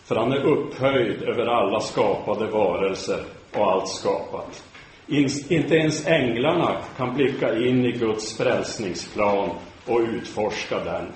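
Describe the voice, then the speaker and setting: A man giving a sermon lecture in a measured, solemn way, sometimes restarting words. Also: lowish voice. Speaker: preacher giving a talk. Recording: very echoey room, faint background noise.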